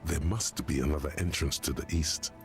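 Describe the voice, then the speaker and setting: A man voicing the omniscient narrator of a video game in a deep, gravelly voice, giving scripted narration. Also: moderate pace. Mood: brooding. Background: game music.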